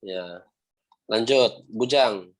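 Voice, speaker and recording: A young adult man teaching Quran recitation, patiently repeating sounds slowly and ending phrases with "ya". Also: lowish voice. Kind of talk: online class instruction with recitation examples.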